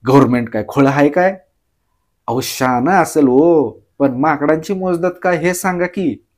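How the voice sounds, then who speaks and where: A man voicing a shrewd elderly village headman who scolds loudly in rustic speech. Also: fairly high pitch, lightly acted. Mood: mocking. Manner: loud rustic scolding, drawn-out rebukes.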